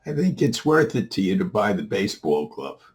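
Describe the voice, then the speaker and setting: A man voicing a sly, scheming little boy who pushes his sales pitch in a raised voice. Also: big pitch swings, moderate pace. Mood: insistent. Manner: pushy, insistent.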